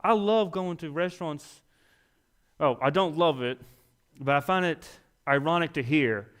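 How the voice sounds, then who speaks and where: A man's voice: fairly high pitch, unhurried, clean tone. Young man preaching with fire. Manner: folksy, acts out quoted voices, climbs to loud emphatic peaks. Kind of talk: sermon.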